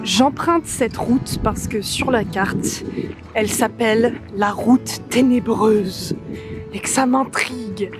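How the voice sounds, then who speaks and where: Loud music plays behind this woman's high voice as she takes it slowly. A travel vlogger from Yvelines, France, she hikes an outdoor forest trail, chatting casually and thinking out loud with many fillers.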